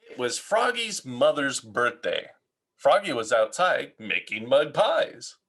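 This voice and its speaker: A man reading a children's story aloud as an expressive narrator, playful with his words. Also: mid-range voice, takes it slowly, breathy edge. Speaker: storybook reader.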